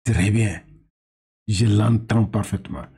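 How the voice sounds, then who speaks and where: A Senegalese man with a Senegalese French accent gives a patient one-on-one reading lesson. He talks very slowly, stretches out each syllable, and often restarts his sentences. His voice is mellow and a little husky. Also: lowish voice. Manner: patient, slow drawn-out syllables, repeats and corrects, halting restarts. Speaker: Quran reading teacher.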